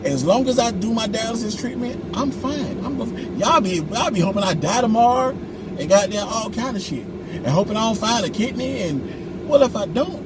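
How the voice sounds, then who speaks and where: A man in his forties ranting casually in a car, animated, profane and emphatic. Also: very high voice, normal speed. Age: 40s. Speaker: vlog co-host. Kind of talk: casual rant. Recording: loud car and road noise.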